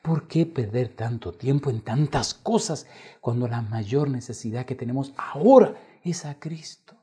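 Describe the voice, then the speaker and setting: A man preaching a sermon as a pastor, telling stories dramatically and swinging between loud emphasis and hushed near-whispers. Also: mid-range voice, animated, normal speed, slightly rough.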